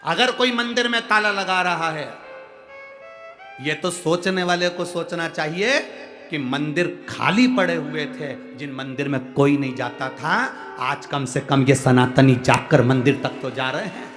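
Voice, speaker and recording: A man's voice: on the high side, a little slow, fairly bright tone, soft background music. A middle-aged man preaching a devotional sermon, emphatic and calling out to the audience for responses. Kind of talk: devotional sermon to a large crowd.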